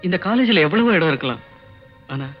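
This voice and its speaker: An earnest, wounded young student pleads in a slightly raised voice and solemnly repeats his lines. Soft film music plays under a muffled, old soundtrack. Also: sits high, lively intonation, brisk. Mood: pleading. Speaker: college student.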